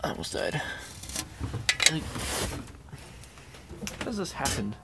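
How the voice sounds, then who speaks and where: A young man vlogs casually with the camera held at arm's length, grumbling laid-back asides as he rummages through a cluttered storage shed and then heads out into the rain. His voice is a little high, sing-song and slow, and the very noisy recording has loud background music.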